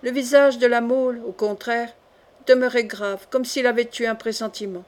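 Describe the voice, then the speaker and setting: A woman narrating a classic novel as an audiobook in a steady storytelling manner. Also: on the high side, normal speed. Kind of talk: scripted narration.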